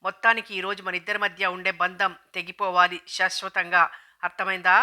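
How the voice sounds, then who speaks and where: A woman's voice: on the low side, little pitch movement, fairly quick, pushed and bright. A woman reading as a furious, menacing husband. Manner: menacing, snarling commands. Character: furious husband threatening his wife with a knife. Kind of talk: audiobook dialogue reading.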